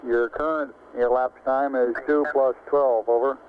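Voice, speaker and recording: A man working as a mission control communicator, speaking over radio in a formal, measured, procedural way. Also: medium pitch, fairly even intonation, crowd noise. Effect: radio transmission. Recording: thin, noisy phone-like radio link.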